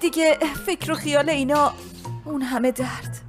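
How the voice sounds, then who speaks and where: A woman's voice: sits high, fairly even intonation, music in the background, lightly acted. A woman voicing a troubled young woman unsure about going home, in a dubbed drama. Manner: hesitant, questioning.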